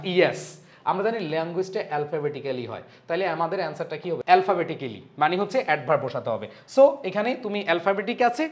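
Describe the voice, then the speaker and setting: A young man with a Bangladeshi accent and a fairly high voice runs an online exam-prep English lesson. He keeps asking the students questions, then answers them himself with firm emphasis. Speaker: English teacher.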